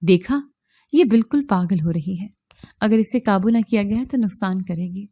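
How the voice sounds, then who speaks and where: A woman's voice: mid-range voice, warm tone, husky, close to an everyday voice. A woman reading the lines of a domineering, scheming older mother-in-law in a storybook tale, spoken in a harsh, commanding manner.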